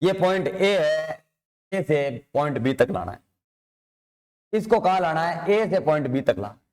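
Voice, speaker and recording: A man's voice: a little high, animated, measured pace, darkish tone. A male science teacher giving an informal coaching-class lecture, repeatedly asking questions and answering them himself. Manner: informal, addresses figures with tu.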